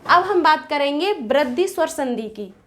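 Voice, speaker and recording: A woman teaching a grammar lesson, asking the class questions and answering them herself, slowing down to spell out sounds and examples. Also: high-pitched, animated, fairly bright tone. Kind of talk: Hindi grammar lesson at a board.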